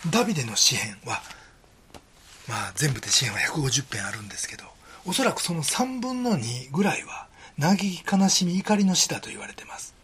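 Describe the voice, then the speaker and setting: A man's voice: on the high side, sing-song, fairly quick, a bit bright, slight background noise. A male pastor with a Kansai accent, preaching a sermon in an earnest, conversational way and often dropping into a whisper. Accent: Kansai Japanese.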